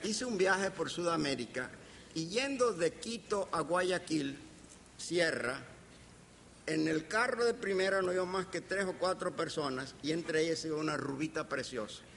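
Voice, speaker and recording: An older male professor with a Caribbean Spanish accent and a voice a little high for a man gives a slow, deliberate, anecdotal lecture to an audience, pausing often and taking playful turns. His intonation is lively, his tone fairly bright with vocal fry, and the reverberant hall carries faint background hiss.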